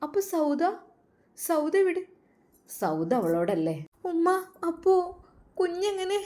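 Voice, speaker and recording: Woman putting on an anxious young woman, high and pleading. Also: very animated, moderate pace.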